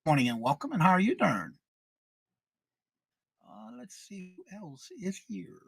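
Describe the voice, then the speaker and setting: Guy hosting a morning livestream, kinda high voice, same hello for everybody, audio choppy and cutting out. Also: wildly swooping pitch, unhurried, vocal fry, a bit bright, husky, no room sound. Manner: repeats a set greeting for each viewer. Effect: choppy internet audio that cuts out mid-word. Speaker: host. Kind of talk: casual livestream show greeting chat viewers.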